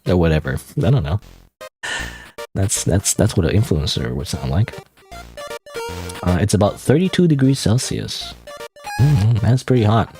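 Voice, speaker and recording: A man's voice: on the low side, animated, moderate pace, long pauses, dark tone, soft background music. A man from Canada, reading game text aloud and commenting casually. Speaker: game streamer.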